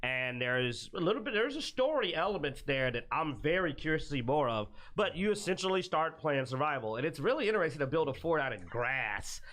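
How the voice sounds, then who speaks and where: A man co-hosting a podcast, chatting casually about a video game and telling stories in an excitable, animated way. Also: a little high, a little fast, hardly any pauses. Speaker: podcast co-host.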